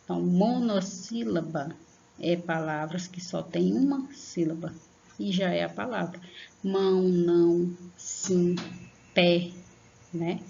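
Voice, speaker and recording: Gravelly-voiced teacher woman, patiently explaining. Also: on the low side, mellow, muffled recording, a little hiss or hum. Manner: patient, slow and drawn-out on example words, frequent "tá?" check-ins. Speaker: primary school teacher. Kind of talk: online lesson for young children.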